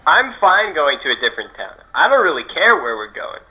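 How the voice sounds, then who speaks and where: A man's voice: a little high, big pitch swings, fairly quick. Dry, blunt man at the game table, muffled sound. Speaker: player. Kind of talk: casual tabletop game chat.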